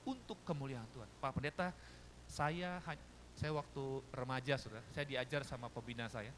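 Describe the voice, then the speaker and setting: A male pastor from Jakarta, speaking with a Betawi Jakarta Indonesian accent, preaches a sermon in a mid-range, slightly bright voice at moderate pace, with slight background noise. He tells stories and acts out other people's voices.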